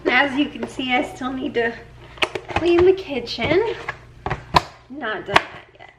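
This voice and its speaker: High-voiced woman vlogging in an echoey room. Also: lively intonation, slow pace, background noise. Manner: chatty, explains each step to viewers. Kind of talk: casual vlog walkthrough. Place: at home, narrow laundry room and kitchen.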